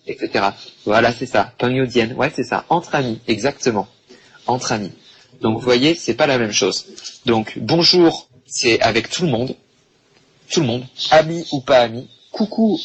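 A man teaching a French lesson to Chinese speakers, patient and repetitive, slowing down to stress words. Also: mid-range voice, slight background noise. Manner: patient, repetitive, slow and emphatic.

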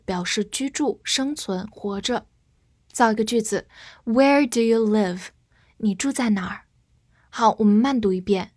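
A woman teaching English vocabulary in a lesson, spelling words letter by letter and slowing down for repetition. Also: on the high side, no room sound, clean studio sound. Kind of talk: vocabulary lesson with spelling and slow read-alongs.

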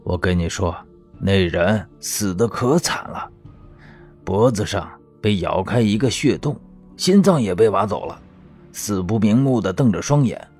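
A man's voice: measured pace, a little mellow, breathy edge, faint music behind. A man voicing a cheeky, thick-skinned young joker in an audiobook drama, teasing and mock-solemn. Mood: spooky. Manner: teasing, mock-solemn, drops to spooky low tones.

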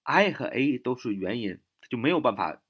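A man's voice: mid-range voice, sing-song, fairly bright tone, husky. A man teaching English vocabulary, repeating each word and spelling it out letter by letter, with frequent filler particles. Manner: shifts to English and sounds out words slowly. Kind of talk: spoken vocabulary lesson.

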